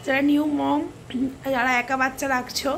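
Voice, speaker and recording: A woman's voice: high voice, little pitch movement, moderate pace, gravelly, a little hiss or hum. A young woman, a new mother, chatting casually to viewers in a home vlog, talking directly to the camera. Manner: drops to a hushed voice while baby sleeps. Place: family home by a river.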